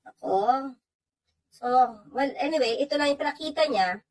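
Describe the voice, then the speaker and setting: Woman with a high, bouncy voice, chatty, reads stuff out loud then riffs on it. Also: expressive, moderate pace, low-quality recording. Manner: chatty, reads English passages aloud then comments in Tagalog. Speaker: co-host. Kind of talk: casual commentary reading articles aloud.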